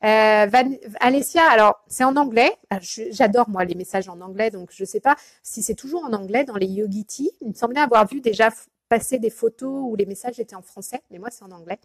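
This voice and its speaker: A woman's voice: a little high, brisk, no room sound. A woman coach chatting casually in a live video, hesitant and full of fillers and restarts, greeting viewers by name. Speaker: life coach.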